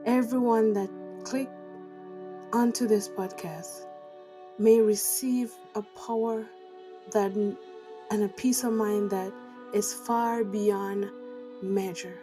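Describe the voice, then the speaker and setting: Earnest woman podcast host, soft music behind. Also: medium pitch, fairly even intonation, slow, pauses often. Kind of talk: podcast interview with a spoken prayer.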